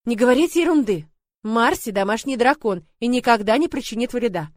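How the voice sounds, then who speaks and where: A woman's voice: a little high, expressive, brisk, dry recording, lightly acted. A woman reading the part of a composed male nobleman mage who is reproachful and dismissive, in a dry audiobook voice. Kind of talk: audiobook character voice.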